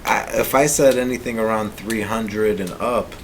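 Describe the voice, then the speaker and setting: Brief: late-20s male podcast co-host, low-pitched, relaxed chat, faint rumble behind. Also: normal speed. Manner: easygoing, laughs often, reads sponsor plugs. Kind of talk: casual chat.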